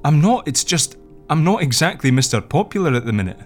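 A man's voice: a little high, very animated, brisk, soft background music. A man playing a sheepish, uneasy young man, hesitant and wry, in an audio drama. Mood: anxious, guilty. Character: sheepish, uneasy, self-doubting young man under house arrest.

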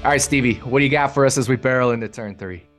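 A man's voice: medium pitch, fast, music in the background. A man hosting a sports podcast in casual conversation. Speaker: sports betting podcast host. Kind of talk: casual chat.

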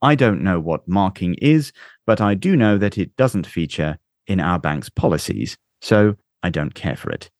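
Man voicing a silky menacing banker, polite, unhurried, deep voice. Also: no echo, studio quality, full character voice. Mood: dry. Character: smooth, silky male banker, coolly menacing.

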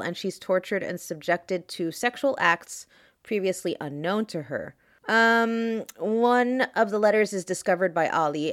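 Stuffy-nosed woman podcast host, low-pitched. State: stuffy nose from allergies, mouth breathing. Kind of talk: casual podcast talk introducing erotic readings.

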